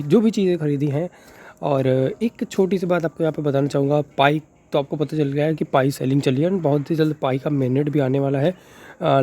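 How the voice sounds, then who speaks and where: Speaking softly because of a sore throat, this male crypto video creator chats with viewers in a relaxed way. He slips English into his Hindi, uses plenty of fillers, and has a mellow voice on the higher side.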